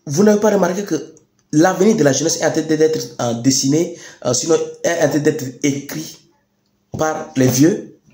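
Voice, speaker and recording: A young man with a Chadian French accent giving a rousing political address, emphatic and deliberate, with repeated phrases and rhetorical questions. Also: fairly high pitch, mellow. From Chad. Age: young adult. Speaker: youth activist speaker. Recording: echoey room sound.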